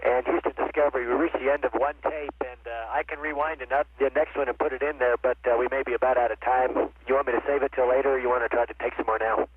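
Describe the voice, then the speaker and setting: A man's voice: mid-range voice, steady tone, fast, hardly any pauses. A man aboard a spacecraft making brief, matter-of-fact procedural calls to the ground over a crackly, narrow radio link. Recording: tinny, hissy radio downlink.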